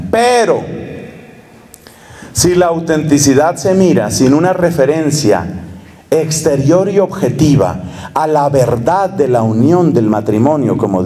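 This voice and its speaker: A preacher with a Colombian Spanish accent delivers a sermon in a fairly high voice. He asks rhetorical questions and answers them himself with emphatic, ironic turns. His tone is lively and teacherly.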